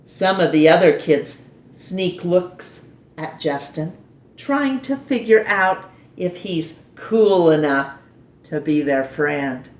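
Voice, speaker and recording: A woman narrates a children's storybook in a fairly low voice, taking her time over every phrase. She is expressive and deliberate, shaping the story for young listeners. The room adds a clear echo. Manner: animated, deliberate, dramatizes dialogue for young listeners. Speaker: storyteller reading a picture book aloud. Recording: roomy echo.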